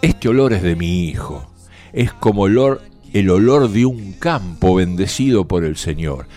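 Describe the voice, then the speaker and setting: A man voicing an old, nearly blind father who speaks slow, solemn blessings to his son. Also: sits low, lively intonation, mellow, faint music behind.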